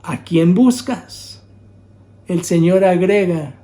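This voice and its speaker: A man's voice: sits high, slow pace, warm tone. A man preaching a sermon, urging his listeners with repeated rhetorical questions.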